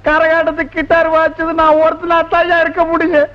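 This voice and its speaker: An actor playing a proud folk-troupe guitarist who is married to a dancer. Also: male voice, very high-pitched, monotone, brisk. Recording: dull lo-fi film soundtrack with loud music.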